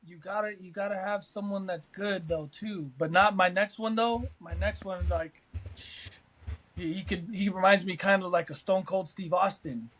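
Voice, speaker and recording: A man's voice: high voice, fairly even intonation, moderate pace, a bit bright. A man co-hosting a casual sports podcast, laid-back and rambling, swearing freely. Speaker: podcast co-host.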